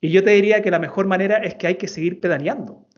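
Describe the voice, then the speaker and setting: A man in his thirties speaks as an interview guest, a storytelling coach who tells a personal story earnestly. He repeats words for emphasis, in a fairly high voice. The sound is dull and lo-fi. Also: fast talker.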